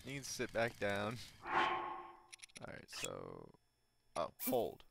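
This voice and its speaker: A young man giving loose, laid-back commentary over a game he is playing. He chuckles a lot and thinks out loud, with steady background noise from the game behind him. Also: fairly low pitch, slow pace, gravelly. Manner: laid-back, laughs often, talks to himself while playing. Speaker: gameplay host. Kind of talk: casual gameplay commentary, reading game text aloud.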